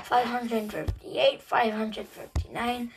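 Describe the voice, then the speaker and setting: A woman's voice: fairly high pitch, fairly even intonation, slow, gravelly, background noise. A woman hosting a casual vlog, counting numbers aloud one by one at a desk microphone with chatty asides. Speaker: channel host.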